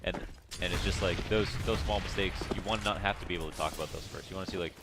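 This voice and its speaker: A man's voice: low-pitched, racing, very noisy. A man giving color commentary on a competitive shooter match, rambling with lots of "like" and "you know". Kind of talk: esports analysis. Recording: loud game sounds behind.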